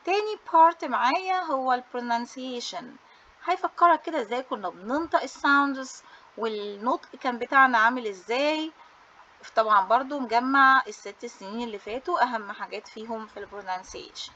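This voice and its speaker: Bright, cheerful Egyptian woman teacher. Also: fairly high pitch, lively intonation, a little fast, highs cut off. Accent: Egyptian Arabic. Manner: cheerful, coaxing pupils as heroes; mixes English terms into Arabic. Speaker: English teacher. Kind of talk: book review for students.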